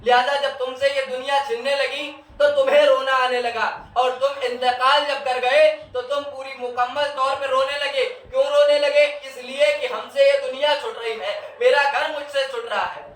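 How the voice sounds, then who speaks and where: High-voiced man preaching in echoey hall. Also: fairly even intonation, a bit bright. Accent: North Indian Urdu. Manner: asks the audience questions and answers them himself; tells stories with quoted back-and-forth dialogue. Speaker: zakir, religious speaker at a mourning gathering. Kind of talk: Urdu majlis sermon. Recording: echoey hall, voice heard from far.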